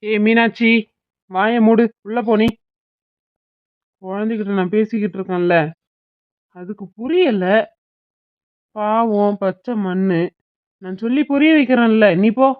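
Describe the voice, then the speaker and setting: A woman's voice: mid-range voice, measured pace, long pauses, clear, resonant tone, natural voice. A patient, indulgent father in a cartoon, voiced by a woman who coaxes with a southern Tamil Nadu accent. The sound is thin and tinny, like a phone line. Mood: gentle. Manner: coaxing, calm lecturing.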